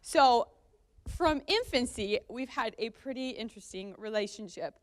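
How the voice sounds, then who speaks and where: Young woman doing a wedding toast, kinda high voice, laughy and teary. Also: animated, normal speed. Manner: emotional, laughing through tears. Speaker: bride's sister giving a toast.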